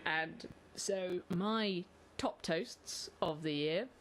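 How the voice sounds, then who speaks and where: A woman hosting a comic role-play podcast in a dry, deadpan, self-mocking way, with hesitant fillers. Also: on the low side, extremely slow, low-quality recording. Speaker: podcast host.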